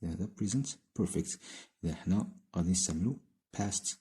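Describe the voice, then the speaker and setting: A man with a Moroccan Arabic accent explaining an English grammar lesson, reading the English example sentences slowly. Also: deep voice, mellow. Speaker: English teacher.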